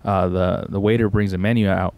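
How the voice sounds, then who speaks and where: A young man from Tucson, Arizona, co-hosts a podcast, telling a rambling, laid-back story and saying "bro" often. His low-pitched voice is a little mellow and fairly even in intonation, brisk in pace, with no echo.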